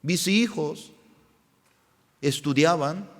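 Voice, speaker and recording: A male pastor preaching a sermon in an emphatic, repetitive way, dropping to soft reflective asides, Korean his first language. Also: fairly high pitch, extremely slow. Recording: long hall reverb.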